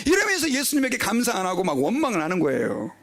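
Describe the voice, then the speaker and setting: Pastor, man, sermon delivery, high gravelly voice, swings widely in pitch, directly addresses the congregation. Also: fast. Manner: animated storytelling preacher; leads the congregation in reading aloud.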